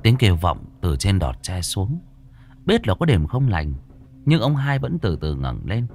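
A man narrating a scripted horror story in a dramatic, expressive way. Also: sits low, unhurried, soft background music.

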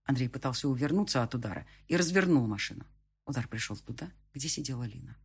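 A man's voice: mid-range voice, animated, fast, slightly rough. A man reading a first-person audiobook with a tense, emotional delivery. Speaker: audiobook narrator.

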